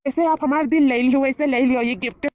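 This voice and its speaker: A woman's voice: high voice, steady tone, quick pace, slight background noise, close to an everyday voice. A woman playing a smug flirtatious village man. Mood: flirting. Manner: wheedling, boastful. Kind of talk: comedy sketch acting. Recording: tinny phone-like sound.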